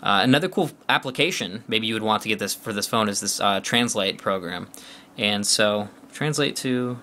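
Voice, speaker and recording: A man's voice: lowish voice, moderate pace, sharp tone, slight background noise. A man casually demoing a phone's features, chatty and loose, with plenty of filler words and restarts. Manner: talks along while tapping through a phone. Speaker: phone reviewer. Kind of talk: casual product demo.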